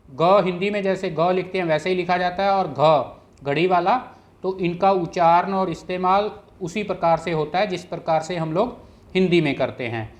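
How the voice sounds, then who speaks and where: A language teacher giving a patient, step-by-step script lesson, repeating each letter and word slowly and ending with an earnest appeal to viewers. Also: mid-range voice. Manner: closes with an earnest channel appeal.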